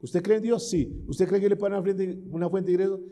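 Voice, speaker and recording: Guy preaching a sermon, pretty high voice but really dark and mellow, keeps asking the crowd stuff, soft music behind. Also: fairly even intonation, fast. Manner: emphatic preaching, acts out doubters and prayers, asks the audience questions. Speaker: pastor.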